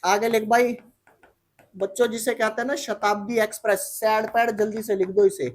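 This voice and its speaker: A man's voice: high-pitched, level tone, moderate pace. A male teacher giving a casual chemistry lecture, quizzing the class over and over and answering himself in a slangy, teasing way.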